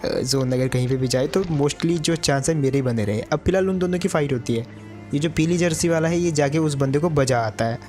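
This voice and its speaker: Fast-talking man narrating his gameplay. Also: on the high side, darkish tone, soft background music. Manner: chatty, calls the viewers "brother". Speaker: mobile game commentator. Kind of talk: casual gameplay commentary.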